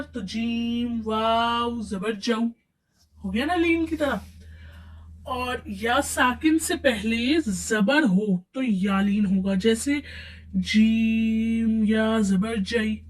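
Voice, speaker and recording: Slow, patient woman teaching reading. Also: high-pitched, far from the mic, poor audio. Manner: patient and slow, drawing out each syllable, asks and answers her own questions. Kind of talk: spoken lesson, spelling out syllables.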